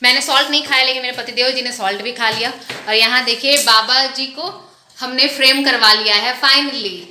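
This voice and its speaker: A woman's voice: high voice, fairly even intonation, moderate pace, bright, forceful tone, a little hiss or hum. A young woman vlogging in a chatty, casual way, slipping English words into her talk. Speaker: family vlogger. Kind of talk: casual vlog narration.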